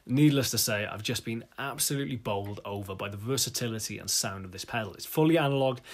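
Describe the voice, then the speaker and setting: A man with a Welsh accent from South Wales, chatting enthusiastically as a guitarist reviewing gear in a casual vlog. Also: medium pitch.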